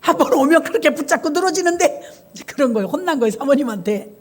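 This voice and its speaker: Lively woman pastor telling sermon stories. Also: sits high, fast talker. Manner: animated storyteller acting out voices. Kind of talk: sermon with storytelling.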